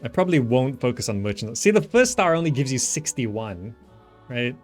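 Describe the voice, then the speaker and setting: A man with a mid-range, sing-song voice talks at a moderate pace while hosting a gaming video. His commentary is casual, thought out loud, and frequently trails away as he muses. Game music plays behind the talk.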